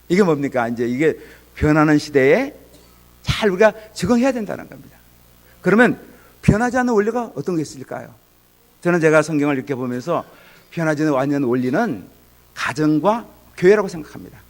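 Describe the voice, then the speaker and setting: A middle-aged male pastor preaching with a voice that climbs and swoops freely. He sits a little high for a man and turns vivid, acting out quick scenes of parents scolding or gently speaking to their children. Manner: animated, acts out angry and gentle parents in quoted asides. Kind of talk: sermon.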